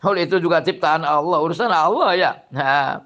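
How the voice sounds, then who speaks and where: A man with a Cirebon Javanese-tinged accent, reading a classical religious text aloud and explaining it to students in an animated way, exclaiming and chuckling often. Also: a little high, brisk, dull audio. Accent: Cirebon Javanese-tinged Indonesian. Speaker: Islamic boarding school teacher.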